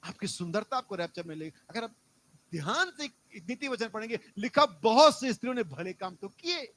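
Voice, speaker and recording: A male pastor preaching a sermon with emphatic repetition and rhetorical questions, swinging between loud exhortation and low, quiet asides. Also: lively intonation, normal speed, poor audio.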